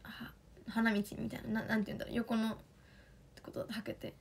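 A young woman with a Kansai accent, chatting excitedly on a livestream as an idol, reading fan comments. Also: fairly high pitch, gravelly, slightly rough. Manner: chatty, excitable, quick bursts of enthusiasm.

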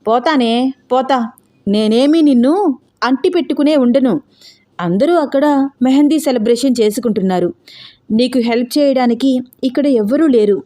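A woman's voice: high-pitched, moderate pace, pauses often, dark tone, lightly acted. A woman voicing a persistent young man who coaxes and pleads. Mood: defensive. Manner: coaxing, pleading. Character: young man, teasing yet caring, persistent.

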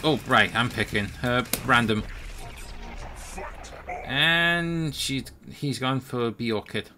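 With a sharp tone and a mid-range voice, a man speaks slowly as he commentates casually on a fighting game he's playing. He hosts a gaming channel, teases himself, and lets out surprised exclamations at each moment, while game music plays underneath.

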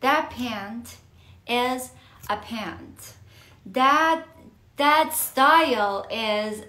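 A woman from mainland China speaks English with a Chinese accent in a high, bright voice. She is a native Mandarin speaker who chats playfully about films and stops often to restart her words. The room around her echoes. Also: very slow. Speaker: film club co-host. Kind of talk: casual film chat. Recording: roomy echo.

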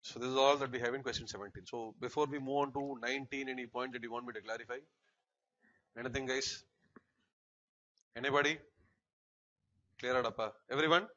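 A middle-aged man with a Tamil South Indian accent teaches in a fast, sharp voice. He dictates notes and keeps tossing short check questions to his students. The recording is a little muffled, with faint noise and keyboard clicks. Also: medium pitch, steady tone. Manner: asks the class frequent short check questions. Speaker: accountancy lecturer. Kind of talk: classroom lecture, dictating notes.

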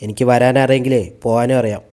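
A man quoting a hurt, defiant young woman in quiet, bitter retorts, voice a little lower and softer. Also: steady tone, fast talker, natural voice.

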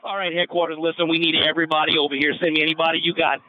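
A high-pitched male police officer calls out over a radio. He is urgent and commanding, and the muffled transmission sounds like real emergency traffic. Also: level tone, very fast, no room sound.

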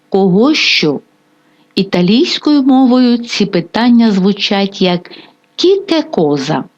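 A woman with a Ukrainian accent teaching a grammar lesson, dictating word by word with careful pauses. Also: medium pitch, darkish tone. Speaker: Italian language teacher. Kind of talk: slow, deliberate grammar lesson. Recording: dull lo-fi voice-over.

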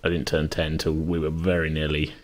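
Rumbling low and completely flat, this man's voice moves a little fast as he hosts a casual conversation. He's a British podcast host and game master in his thirties who rambles, hedges, and cuts himself off before finishing thoughts.

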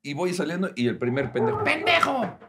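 Animated Mexican man telling a funny story. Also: mid-range voice, brisk, noisy background. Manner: animated, acts out shouted quotes, laughs often. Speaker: comedy podcast host. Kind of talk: comedic storytelling.

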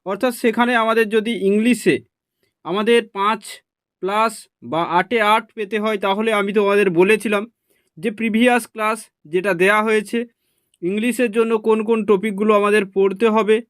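A man's voice: high voice, no echo, clean studio sound. A man teaching an online exam prep lesson, explaining step by step and checking in with his students often. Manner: explains step by step, keeps asking "ঠিক আছে?".

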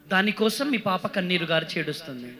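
A man pastor leading a revival sermon, shouting and chanting fervently, then questioning people gently. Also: high-pitched, expressive, quick pace. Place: church revival meeting. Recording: live hall with music and crowd. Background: music and congregation.

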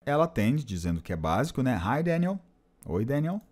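A man's voice: medium pitch, big pitch swings, a little fast, a little mellow, a little hiss or hum. A man teaching an English lesson, patiently repeating and translating phrases. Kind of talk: explanatory language lesson.

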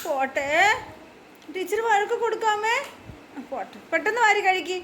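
High sing-song woman coaxing little children. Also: animated, slow pace, slight background noise. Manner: sing-song, questioning, gently scolding. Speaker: preschool teacher. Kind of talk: coaxing talk with small children. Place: preschool classroom.

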